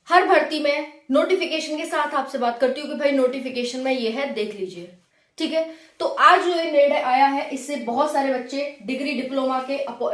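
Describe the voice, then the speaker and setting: Recorded in an echoey room, a woman with a high-sitting voice hosts a government exam news channel. Her explainer for viewers is informal and chatty, peppered with rhetorical questions to check in.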